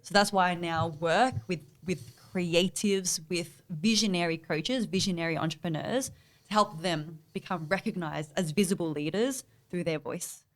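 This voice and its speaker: Appearing as a guest, a business coach from Australia gives motivational interview answers with emphasis. She is a native Vietnamese speaker with a lowish voice and a normal speaking speed.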